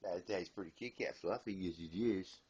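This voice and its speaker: A deep-voiced man chats away while filming his pets at home, slipping into coos and baby-talk. The sound is dull and muffled, like an old home video, with a faint hiss underneath. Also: brisk, darkish tone. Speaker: pet owner filming at home. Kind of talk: casual home video commentary. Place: home room.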